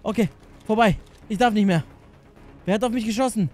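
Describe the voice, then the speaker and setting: A man's voice: high voice, brisk, soft background music. A young man giving hectic, jokey running commentary on his gameplay, often pleading with the game. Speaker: gaming YouTuber.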